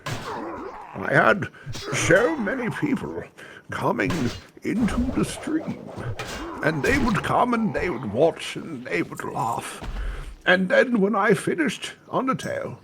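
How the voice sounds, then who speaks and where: A man putting on the voice of a nostalgic old man reminiscing slowly about the old days. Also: high voice, huge pitch swings, creaky, noisy background, heavily acted. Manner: slow, drawn-out reminiscing.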